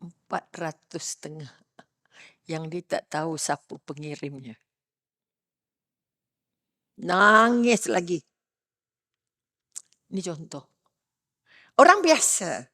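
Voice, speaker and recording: A middle-aged woman with a Malaysian Malay accent, giving a religious talk to a congregation, asking the listeners questions and swinging between loud emphasis and hushed storytelling. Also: deep voice, animated, slow pace, pauses often, no room sound, clean studio sound. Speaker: religious teacher.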